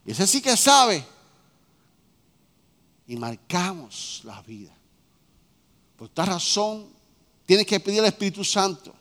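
A man preaching a sermon as a pastor, swinging between loud, fervent peaks and quiet, low lines. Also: lively intonation, slow, long pauses, in a large hall.

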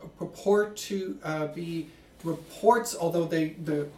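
A podcast co-host asking questions in an inquisitive, halting way, with many restarts. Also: mid-range voice, mellow, recorded from a distance, slight background noise. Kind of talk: casual podcast discussion. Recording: echoey room, voice set back from mic.

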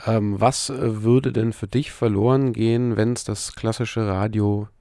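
A man with a low, warm, mellow voice puts calm, plain questions to his guest. The sound is close and dry, with no room around it. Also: measured pace, dry recording. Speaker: interviewer. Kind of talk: interview questions.

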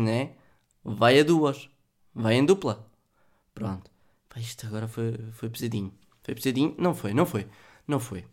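A man with a European Portuguese accent hosting a solo podcast, thinking aloud in a joking, profane, casual way. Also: medium pitch. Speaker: podcast host.

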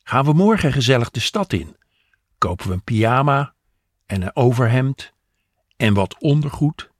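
A man's voice: mid-range voice, expressive, normal speed, no room sound, studio quality, voice pushed up, lightly acted. A man voicing a caring, bustling older woman in a spoken audio story, fussing and cheerfully scolding.

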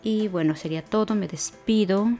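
A woman's voice: medium pitch, mellow, soft background music. A woman hosting an educational podcast, giving a spoken grammar lesson and breaking words down syllable by syllable. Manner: slow, syllable-by-syllable spelling out of words. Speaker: podcast teacher for exam preparation.

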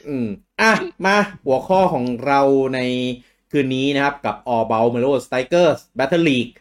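A man's voice: mid-range voice, slow pace. Thai male livestream host, casual, greets viewers by name, trips over hard names.

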